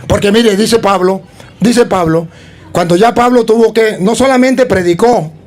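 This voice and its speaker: High-voiced preaching priest. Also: male voice, unhurried. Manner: animated storytelling, acting out voices. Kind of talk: sermon.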